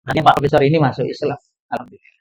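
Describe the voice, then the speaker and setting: A male Islamic preacher giving a religious study talk at a boarding school, an animated storyteller who slips in English phrases. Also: a little high, racing, breathy edge, no echo, low-quality recording.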